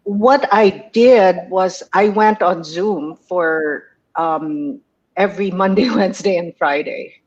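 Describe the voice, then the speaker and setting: A woman guest coach answering interview questions in a warm, chatty way, laughing often and pausing with hesitations. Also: on the low side, muffled recording, slight background noise.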